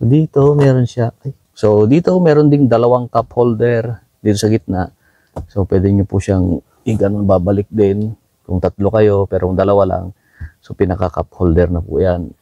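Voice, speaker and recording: A man's voice: mid-range voice, no echo, rough recording. A man, casually touring his car's interior and pointing out each feature. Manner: relaxed, repetitive pointing-out with frequent fillers. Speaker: car owner reviewing his vehicle. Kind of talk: casual walkaround tour narration. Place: inside a car.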